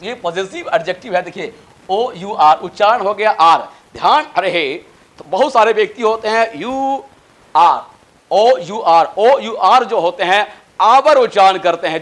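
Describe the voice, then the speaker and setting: A man with an Indian accent teaching spoken English, spelling words letter by letter and drawing out his English examples slowly, urging students to memorize. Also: sits high, fairly bright tone. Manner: lecturing, exhorting students to memorize. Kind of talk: spoken English lesson in Hindi.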